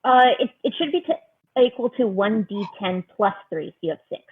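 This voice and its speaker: A woman's voice: medium pitch, animated, normal speed, husky, no echo. A woman playing a tabletop game, chatting casually and helpfully checking rules for the others. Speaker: player. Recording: dry, dull lo-fi mic.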